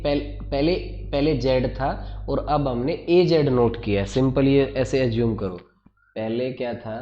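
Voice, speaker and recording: A man teaching an online class, explaining step by step and quizzing his students with repeated questions. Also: medium pitch. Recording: echoey room, dull lo-fi sound.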